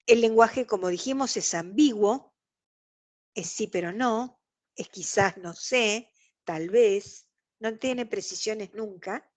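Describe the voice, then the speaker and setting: A woman's voice: mid-range voice, takes it slowly. Woman, Rioplatense accent, online lecturer, explanatory, video call audio. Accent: Rioplatense Spanish. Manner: explanatory, acts out quoted dialogue.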